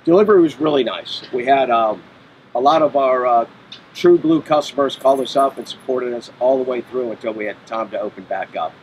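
A man's voice: mid-range voice, brisk, a little mellow, a little hiss or hum, poor audio. A middle-aged man, a brewery owner being interviewed, explaining in a matter-of-fact way on an outdoor patio. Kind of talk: casual interview. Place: outdoor patio by a brick wall.

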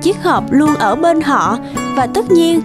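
A woman narrating a cartoon fairy tale in a clear storybook manner. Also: high voice, lively intonation, takes it slowly. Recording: narration with music behind.

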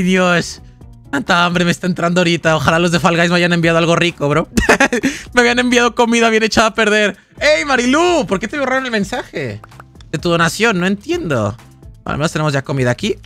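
A man's voice: high-pitched, pushed and bright. A man, livestreaming a game and chatting casually in a rambling, jokey way as he reads out donations and chat. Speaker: gaming livestreamer. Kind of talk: casual live-stream chat while gaming.

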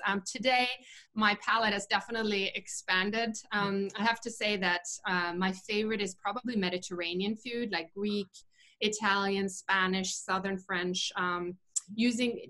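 A woman's voice: medium pitch, bright, forceful tone. A woman, a chef speaking as an interview guest over a video call, thoughtful and full of fillers and restarts. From Norway. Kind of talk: casual interview talk. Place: home room indoors.

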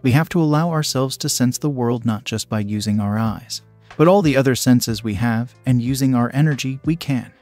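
A man's voice: mid-range voice, normal speed, darkish tone, faint music behind, lightly acted. A man voicing a smart, composed teenage girl in a fan storybook reading, in a thoughtful explaining manner.

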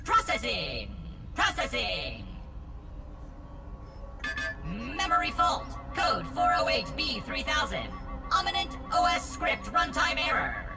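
Glitching robot, computer processing. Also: female voice, mid-range voice, huge pitch swings, slow, vocal fry, exaggerated voice. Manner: cheerful, formal, stilted robot phrasing. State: computer processing, reading out error codes. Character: chirpy helpful lab robot, glitching. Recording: game audio with music behind.

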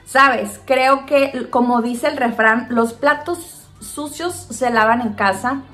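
A Mexican woman answering viewer questions in a casual chat to camera, animated and laughing often. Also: fairly high pitch, slow pace, soft background music. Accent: Mexican Spanish. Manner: chatty and animated, acts out voices in quotes.

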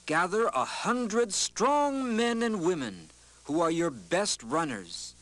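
Wise coyote counselor, male, storybook figure, high lively voice, slow, voiced by a man. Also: full character voice. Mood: earnest.

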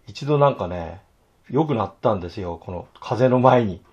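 A hoarse man teaching fountain pen illustration, talking to himself in halting asides as he draws. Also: lowish voice, animated, darkish tone, muffled recording. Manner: talks to himself while drawing, halting, murmured asides. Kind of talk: casual drawing tutorial.

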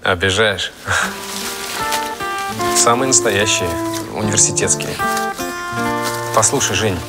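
An actor playing an awkward, apologetic young suitor. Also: male voice, lowish voice, slow. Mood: shy, hopeful. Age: young adult. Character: awkward young suitor in a romantic comedy-drama. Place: indoors in a corridor. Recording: loud guitar music over dialogue.

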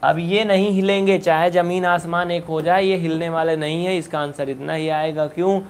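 A man teaching a live online maths class, brisk and coaxing, urging students to answer quickly and scolding them playfully. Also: a little high, steady tone, clear, resonant tone.

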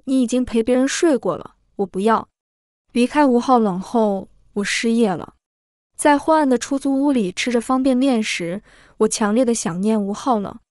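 A woman telling a dramatic first-person story in steady, scripted narration. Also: a little high, no room sound, clean studio sound.

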